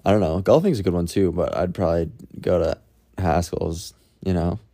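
A man's voice: sits low, normal speed, dark tone. A man from Canada co-hosting a podcast, chatting casually and swearing freely. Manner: laid-back, swears freely. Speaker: podcast co-host. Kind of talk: casual chat.

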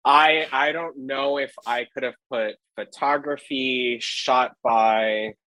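A young man from Hawaii, a photographer guest, speaking in a relaxed, rambling way full of fillers. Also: medium pitch, slow, no echo, poor audio. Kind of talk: casual podcast interview.

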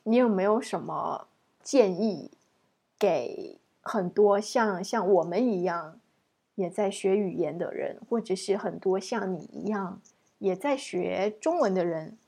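A woman's voice: mid-range voice, vocal fry, mellow, husky. A woman interviewing someone in a casual, conversational and encouraging way.

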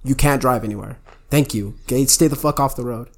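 A man's voice: medium pitch, a little fast. A young American man chatting casually in a blunt, opinionated frat-bro way, swearing freely. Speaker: podcast co-host. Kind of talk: casual chat.

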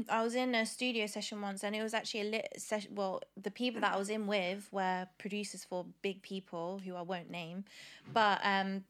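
A woman's voice: mid-range voice, little pitch movement, moderate pace, fairly bright tone. A woman in her twenties with a Leicester accent from the English Midlands, touched by London, talking casually as an interview guest. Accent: Leicester accent, English Midlands, with some London influence. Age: 20s. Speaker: guest, singer.

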